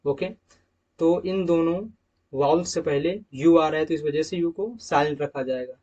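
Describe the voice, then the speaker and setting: Guy doing an english lesson, pitch on the high side, says each example word twice, muffled lo-fi audio. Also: moderate pace, mellow. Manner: explains each rule in Hindi, repeating example words. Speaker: English teacher. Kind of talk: slide-based pronunciation lesson. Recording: dull lo-fi sound.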